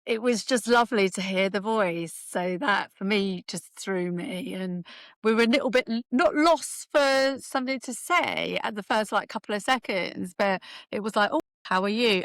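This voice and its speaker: A woman's voice: medium pitch, no room sound. Chatty woman with a dry close sound. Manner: warm, with frequent restarts and laughs. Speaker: host, the daughter who found her father. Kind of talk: casual conversational storytelling.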